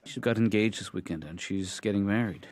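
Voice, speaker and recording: An actor voicing a gentle, earnest middle-aged therapist who is a father and talks in a calm, hesitant way in an animated sitcom. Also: on the low side, fairly quick, lightly acted.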